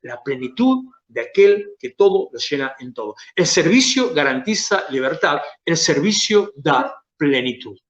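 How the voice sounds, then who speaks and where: A pastor with an Argentine Spanish accent preaching a sermon, stretching key phrases for emphasis and then dropping to soft, low asides. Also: male voice, big pitch swings, a little slow, hardly any pauses, roomy sound.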